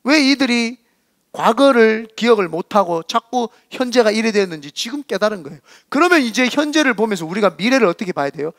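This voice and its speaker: A man's voice: high voice, lively intonation, fairly quick, fairly bright tone, dry recording, studio quality. A middle-aged Korean man with a Gyeongsang accent preaching a sermon as senior pastor, emphatic and scolding, full of rhetorical questions. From South Korea.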